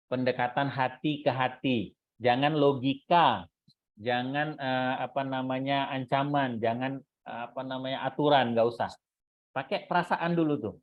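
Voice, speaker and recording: Man giving a parenting talk over a tinny line. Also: mid-range voice. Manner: animated, explanatory, with fillers and acted quotes. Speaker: parenting speaker and test consultant. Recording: phone-like narrow band.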